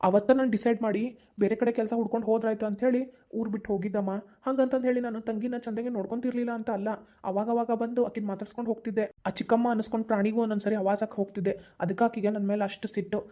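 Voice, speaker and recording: A woman with a North Karnataka Kannada accent does cartoon voice acting as an earnest, determined young man, a devoted son and brother. Her voice is a little high and dark-toned, steady and close to everyday speech, while the delivery is fast, pleading and determined.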